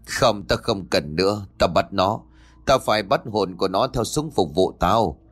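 A man voicing a vengeful river spirit speaking through an old man, gruff and cursing. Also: on the low side, lively intonation, a little slow. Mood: spiteful.

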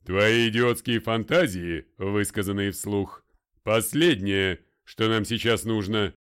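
A man voicing a domineering older male lawyer in an audiobook, loud, commanding and deliberate. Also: fairly low pitch, fairly even intonation, clear, resonant tone. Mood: stern. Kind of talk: audiobook character voice.

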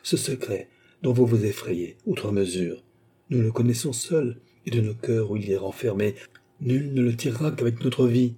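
A man reading an audiobook, voicing a royal prince who murmurs tender reassurance in a soft voice. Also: medium pitch, moderate pace, breathy edge, natural voice. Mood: soothing. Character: tender, soothing royal brother-in-law.

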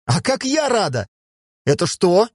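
A bouncy, excitable young girl in a storybook, her voice leaping up high with every exclamation. A man reading the audiobook puts her on. The recording is dry and close, with no room sound. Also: unhurried, husky, no room sound, full character voice. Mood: excited. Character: lively excitable young girl, eager and impatient. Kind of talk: audiobook character voice.

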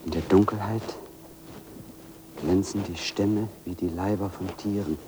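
In a radio-play interior monologue, an actor voices a solitary, brooding man walking into a dark forest, narrating in a measured, deliberate, literary first person. His deep voice keeps a fairly even intonation, his mood brooding and observant, with background noise audible.

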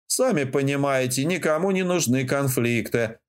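A self-important older admiral lecturing a junior officer, as a male audiobook reader puts him on. He sounds preachy and sure of his own experience, with a slightly raised, mid-pitched voice. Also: lively intonation, moderate pace, smooth, natural voice.

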